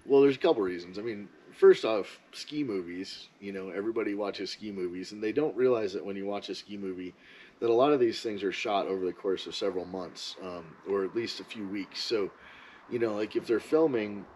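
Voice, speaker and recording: A man's voice: on the low side, fairly quick, darkish tone, a little hiss or hum, poor audio. A man giving a casual, rambling, opinionated monologue as a ski vlogger.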